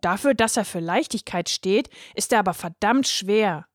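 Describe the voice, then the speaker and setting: A woman voicing a gruff, grumpy little boy in a read-aloud children's story. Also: mid-range voice, expressive, normal speed, dry recording, clean studio sound, natural voice. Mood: grumbling. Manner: gruff, grumbling, huffy. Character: grumpy serious little boy, sulky and stern. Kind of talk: storybook reading.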